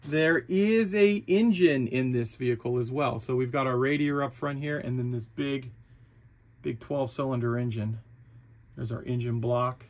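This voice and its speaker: Guy, mid-pitched, easygoing hobbyist walkthrough with lots of fillers. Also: normal speed. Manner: relaxed, chatty, with frequent fillers and restarts. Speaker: hobby shop owner reviewing a model kit. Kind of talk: casual product walkthrough.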